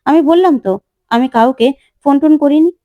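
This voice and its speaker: A defensive young groom who keeps insisting, read by a woman narrating a serial. The voice stays high and mellow. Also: a little fast, no echo, muffled recording, natural voice.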